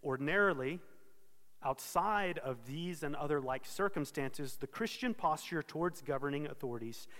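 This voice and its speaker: A man preaching an expository sermon, earnest and steady, pausing to correct himself now and then. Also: on the high side, in a large hall. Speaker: pastor.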